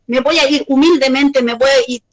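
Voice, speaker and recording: A woman's voice: high-pitched, fairly even intonation, normal speed, natural voice, low-quality recording. A woman playing a wronged wife in a comedy radio sketch, reproachful and repeating herself. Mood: hurt, resigned. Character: wronged wife, hurt and pleading.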